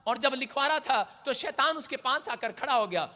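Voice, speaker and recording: High-voiced man preaching a fiery sermon. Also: normal speed. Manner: swings between shouted exhortation and quiet storytelling. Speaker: pastor.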